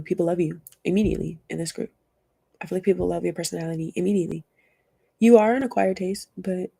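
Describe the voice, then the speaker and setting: Young woman doing a rambly tarot reading, low gravelly voice, kinda husky, chats a lot, dry close sound. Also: warm tone, no echo. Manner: chatty, rambling, laughs often, acts out quoted voices. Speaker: tarot reader. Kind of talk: casual tarot reading to camera.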